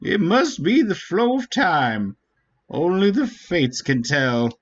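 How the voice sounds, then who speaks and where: A male game streamer voices an ancient Wingly elder, the wise leader of a forest people, in a slow, high, sing-song full character voice. He reads the fantasy game dialogue dramatically, grave and formal, with a solemn yet hopeful mood. Faint game music plays, and the highs are cut off.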